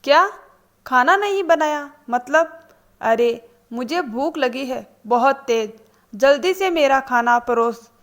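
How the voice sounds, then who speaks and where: Woman reading a bossy older mother-in-law, scolding, loud, highish voice, slow delivery. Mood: angry. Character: stern older mother-in-law, quick-tempered.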